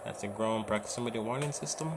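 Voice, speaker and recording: A man's voice: on the low side, fast. A man giving pilot procedure callouts and casual commentary on a flight simulator. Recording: loud cockpit noise behind the voice. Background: aircraft cabin and engine noise.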